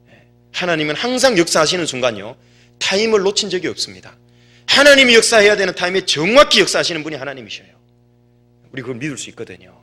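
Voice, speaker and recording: Lively, bright-voiced preaching man. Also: sits high. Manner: rhetorical questions to the congregation, storytelling. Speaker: pastor. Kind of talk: sermon.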